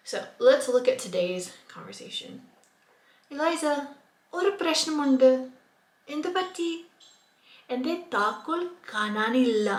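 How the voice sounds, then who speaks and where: A woman's voice: medium pitch, echoey room. A woman teaching a language lesson online, patiently repeating words for learners.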